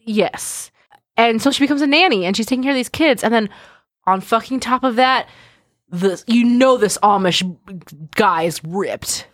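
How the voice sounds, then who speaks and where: A woman's voice: on the high side, moderate pace, no room sound, studio quality. A woman co-hosting a podcast, chatting casually, swearing freely and reading aloud with dramatic flair. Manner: animated, swearing, giggly, reads aloud dramatically. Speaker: podcast co-host. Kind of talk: casual chat.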